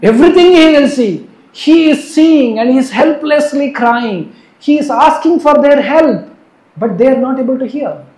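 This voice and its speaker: A man giving an earnest devotional sermon, moving between soft and emphatic delivery. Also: very high-pitched, animated, moderate pace. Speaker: preacher. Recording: roomy echo.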